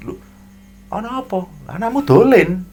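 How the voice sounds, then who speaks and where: A man's voice: sits high, animated, normal speed, darkish tone, soft background music, voice pushed up. A man voicing a worried, surprised middle-aged mother who fusses over her son. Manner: surprised, fussing.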